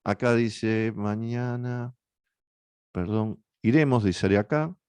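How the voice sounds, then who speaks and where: A man with an Argentine Spanish accent leading a software workshop, talking through the steps with frequent fillers and self-corrections. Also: mid-range voice, slow, smooth, dry recording. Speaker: workshop instructor. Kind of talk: software tutorial walkthrough.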